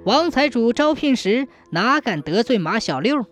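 A storyteller narrating a folk tale in a scripted, expressive manner. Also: medium pitch, a little slow, faint music behind.

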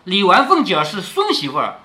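A man's voice: high-pitched, wildly swooping pitch, a little fast, bright, forceful tone. A man explaining a classic novel to his daughter, retelling the story and stopping often to ask rhetorical questions and explain old words.

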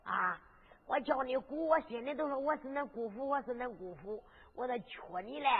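A woman storyteller voicing a crafty, boastful young male hero in a Henan accent, wheedling and then bursting into shouts. The recording sounds tinny, with long hall reverb. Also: high-pitched, animated, moderate pace, slightly rough, pitched below the performer's own voice, heavily acted. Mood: sly teasing. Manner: wheedling, swaggering, sudden shouts.

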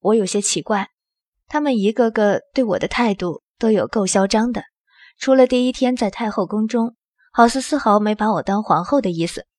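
A woman narrating an audio drama in the first person with a steady storytelling manner. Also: mid-range voice, normal speed, no echo.

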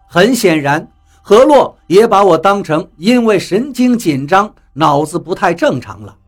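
A man narrates a first-person adventure tale with a husky, slightly breathy voice. Faint music plays softly underneath the reading. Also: high-pitched. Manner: lively storytelling, slows and drops for quoted lines. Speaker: audiobook narrator.

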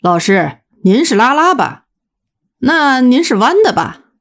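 A woman's voice: high voice, big pitch swings, unhurried, voice pushed up, full character voice. A woman voicing a cocky young male student who taunts his teacher in front of the class in an audiobook. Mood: taunting.

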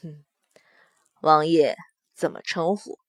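A woman voicing a composed young male noble who speaks in a low, measured, courteous way. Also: fairly even intonation, dry recording, studio quality. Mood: cool polite.

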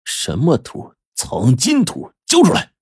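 A man's voice: low-pitched, animated, unhurried, husky, no echo, clean studio sound, heavily acted. A man voicing a ruthless, hot-tempered male gang boss who swears and threatens. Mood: furious. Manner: swearing, menacing, bursts of shouting.

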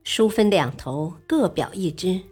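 Slow, husky female storyteller. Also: on the low side, animated, darkish tone, soft background music. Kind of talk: serialized history storytelling.

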